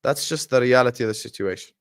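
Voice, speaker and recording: A Jordanian livestream host with an Arabic accent, Arabic being his first language, chats animatedly and casually during a watchalong and greets his viewers by name. He talks fast in a clean, mid-range voice.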